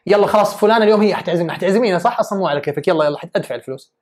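A woman's voice: fairly low pitch, very fast, darkish tone, natural voice. A woman mimicking a bossy pushy friend. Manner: pushy, ordering about. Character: bossy domineering female friend.

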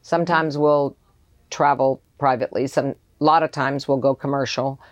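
A middle-aged woman who owns a charter company joins a podcast as a guest, her rumbling low voice at normal speed with no echo. Raised abroad and now settled in Houston, she chats casually and tells stories animatedly. She laughs often and acts out what people said.

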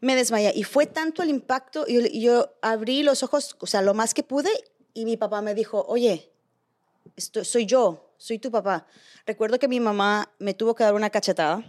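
A woman on a podcast panel telling a scary personal story in a casual, animated way, dropping in English phrases. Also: a little high.

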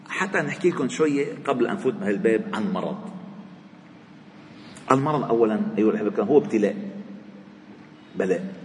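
Man, Lebanese accent, mosque lesson, lively storytelling, long hall reverb, faint hiss. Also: lowish voice. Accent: Lebanese Arabic. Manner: lively, rising sharply when voicing people in stories. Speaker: sheikh teaching a religious book.

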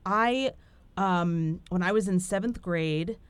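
Chatty woman with a smooth voice. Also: on the low side, slow, no echo. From Italian heritage. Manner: animated, storytelling with frequent fillers. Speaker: podcast host. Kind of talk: casual conversation.

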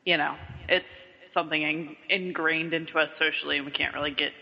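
A man's voice: a little high, steady tone, a little fast, vocal fry. A young man in his twenties from Kentucky, hosting a casual chat and laughing often between lines. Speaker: podcast host. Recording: muffled audio, long room reverb.

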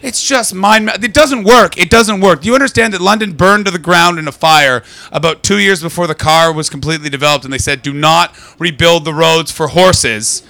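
A man doing stand-up crowd work, brash and profane, teasing the audience and breaking into loud shouts. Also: a little high, brisk, creaky, hardly any pauses, dry recording. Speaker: stand-up comedian. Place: London comedy club.

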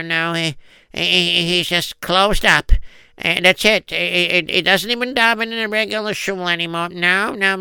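A man's voice: sits high, creaky, sharp tone, clean tone, no echo, exaggerated voice. A man voicing a distraught middle-aged wife who fretfully repeats herself, guarding her husband. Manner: repetitive, fretful, lots of "no, no".

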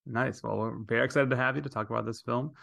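A man's voice: medium pitch, fairly even intonation, fast talker, gravelly, a bit bright, no echo, studio quality. A man hosting a podcast in a casual, chatty style. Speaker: podcast host.

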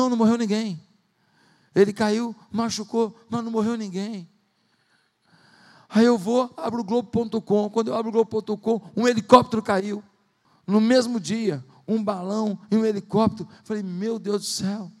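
A man preaching a sermon as pastor, moving from quiet storytelling to loud, emphatic passages. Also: sits high. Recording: long hall reverb.

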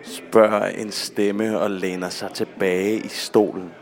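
A man narrating a radio drama, reading stage directions in a flat, repetitive way. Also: lowish voice, soft background music.

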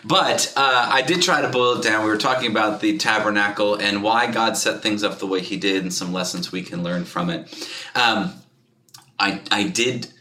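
Male church podcast host, energetic and chatty, bright tone, roomy echo, light noise. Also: lowish voice, moderate pace. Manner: chatty, energetic, laughs often. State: out of breath. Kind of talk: casual chat. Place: church studio.

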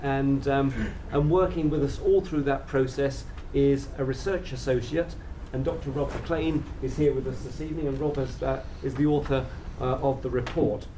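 A man chairing an event, introducing it in a courteous, measured and formal way. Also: mid-range voice, fairly even intonation, warm tone. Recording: distant mic, faint noise.

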